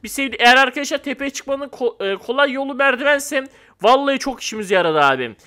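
Excitable young man gaming, bright voice. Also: extremely high pitch, fast talker. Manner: excitable, swings from shouting to mock-calm mumbling. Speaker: gamer. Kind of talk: casual gameplay commentary.

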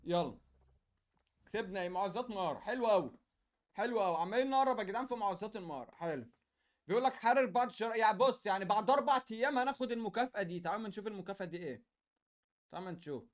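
Very high-pitched, fast-talking Egyptian man. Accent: Egyptian Arabic. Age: young adult. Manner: excitable, slangy, chatty, repeats phrases. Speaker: gaming YouTuber. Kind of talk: casual gameplay commentary.

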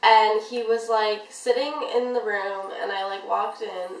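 A woman's voice: medium pitch, steady tone, unhurried, distant mic. A young woman vlogger telling a story to her camera in a casual, rambling way, with lots of "like". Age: young adult. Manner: chatty, rambling, heavy use of "like". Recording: echoey room, voice a bit off-mic.

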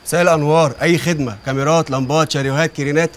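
Brief: actor as a brisk Egyptian clerk, slightly high, noisy background. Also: male voice, fairly even intonation, lightly acted. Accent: Egyptian Arabic. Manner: rattling off a sales list. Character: brisk male equipment-rental clerk.

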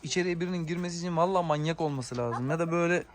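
A man, a father and dog owner, chatting casually to viewers in a yard while giving sharp commands to his dogs. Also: fairly high pitch, very fast, crowd noise. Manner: sharp commands to dogs, shooing them back. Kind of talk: casual vlog talk to viewers.

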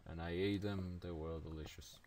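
A man chatting casually while playing a video game with a friend, making silly deadpan jokes. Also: deep voice, moderate pace. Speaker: gaming video co-host. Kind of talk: casual gameplay chat.

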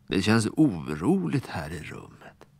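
A man reading a children's story aloud, expressive and sometimes dropping to a hush. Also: low voice, vocal fry, slightly rough, no room sound. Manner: expressive, hushed at times.

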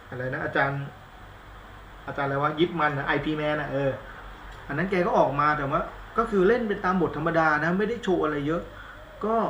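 Chatty man with a bright voice on a livestream. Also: on the high side, echoey room, muffled recording, slight background noise. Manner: chatty, rambling, blunt slang, self-mocking. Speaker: movie reviewer on live stream. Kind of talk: casual live-stream chat. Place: indoors at home, live stream.

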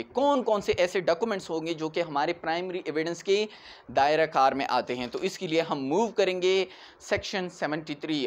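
A man in his twenties with a Pakistani accent and a voice on the high side gives an explanatory, classroom-style law lecture in a small indoor room in front of a whiteboard. He's didactic, repeats key points, and checks in with "right" and "okay." The amateur room recording is clearly noisy.

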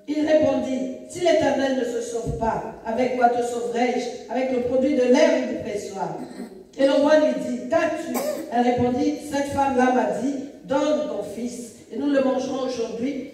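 Woman, church scripture reader, declamatory, high voice, echoey distant sound. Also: dark tone. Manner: measured, declamatory reading. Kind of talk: reading scripture aloud in church. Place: large church hall. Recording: echoey hall, distant mic.

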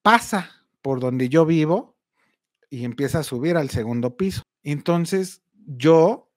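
Mexican guy telling stories on his podcast, slightly high voice, dry close sound, cusses a lot. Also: lively intonation, slow, no room sound. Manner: swears freely, acts out angry phone rants. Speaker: podcast host. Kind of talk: casual storytelling.

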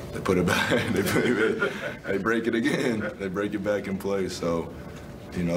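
In a noisy press room, a basketball player in his twenties takes postgame questions, answering in an understated, measured way with plenty of "you know" and "um."

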